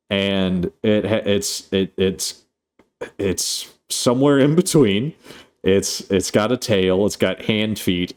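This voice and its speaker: A movie reviewer casually recaps a film's plot, rambling and swearing, full of fillers and restarts. He has a low, darkish voice.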